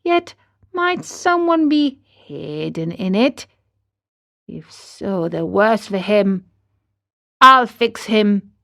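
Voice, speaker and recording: A woman's voice: medium pitch, animated, slow. Brief: old storybook carpenter, nervous mumbling self-talk, as a woman narrator puts him on. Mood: frightened. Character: old timid carpenter talking to himself.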